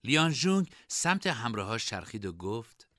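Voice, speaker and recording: A man narrating a scripted storybook in an expressive reading style. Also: medium pitch, no room sound, studio quality.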